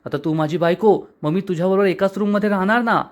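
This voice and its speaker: A man's voice: high-pitched, fast talker, close to an everyday voice. A man voicing a playful, lovestruck young husband who teases his wife with pet names, in a serial episode recap. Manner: teasing, cajoling.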